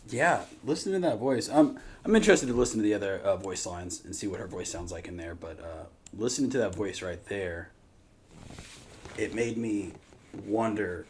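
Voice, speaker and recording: A reaction video host with a lowish male voice speaks at normal speed, with clear background noise in the recording. His casual reaction chat is slangy, rambling and full of jokes.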